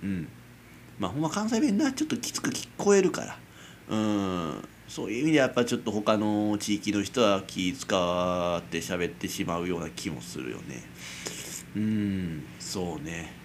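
A man's voice: deep voice, very animated, moderate pace, a little hiss or hum. A young man in his twenties with a Kansai accent, hosting a casual solo late-night radio-style chat, rambling and self-mocking with frequent chuckles. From Kansai, Japan. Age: 20s. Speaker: amateur radio-style host.

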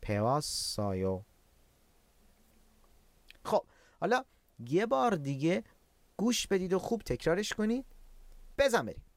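A male language teacher with a lively, swinging voice that rises and falls a lot. He explains patiently, repeats each word for his learners, and stretches a word out slowly, syllable by syllable. The sound is dry and close, with no room echo. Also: high voice. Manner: slows right down to spell out words syllable by syllable. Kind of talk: online language lesson.

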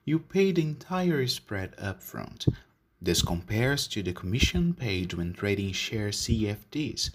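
A man hosting a podcast, reading a scripted educational explanation in a measured manner. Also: fairly low pitch, a little hiss or hum. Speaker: podcast host.

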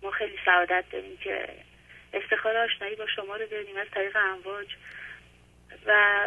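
Calling a radio show from her home, an Iranian woman speaks at a medium pitch in a level tone. Her phone-in comes across as earnest and thankful, dotted with hesitant fillers.

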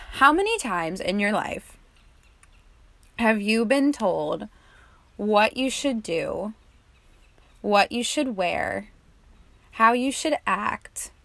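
A young woman guiding a meditation and reflecting on her own experience in a soft, calm, casual way. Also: medium pitch, vocal fry, no echo. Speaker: meditation guide. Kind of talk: guided meditation and personal reflection.

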